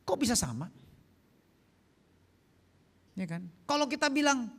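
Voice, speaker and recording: A man's voice: very high-pitched, unhurried. A male pastor answering questions in a sermon, telling stories with jokes and acted-out voices. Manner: animated storyteller, acts out voices, jokes.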